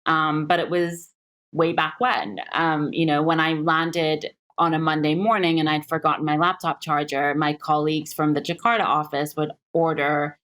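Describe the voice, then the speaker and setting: A woman in her thirties from Singapore, an investor guest talking through her career in a podcast interview, reflective and thinking aloud with many pauses. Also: low voice, flat delivery, fairly bright tone.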